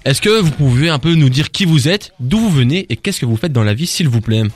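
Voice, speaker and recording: A man co-hosting a casual radio show, quick and joking, introducing his guests. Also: fairly high pitch, animated, faint music behind. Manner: joking, quick-talking, laughs often. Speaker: radio co-host.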